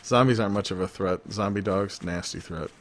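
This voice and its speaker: A man with a low-pitched voice talks through a survival game as he plays. He rambles loosely and cracks jokes to himself between moves. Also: brisk. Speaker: gaming video host. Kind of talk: let's-play commentary.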